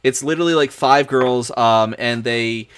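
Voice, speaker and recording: A young man streaming, chatting casually in an excitable, rambling way. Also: medium pitch, moderate pace, smooth. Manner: rambling, excitable, many fillers and restarts. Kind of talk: casual chat.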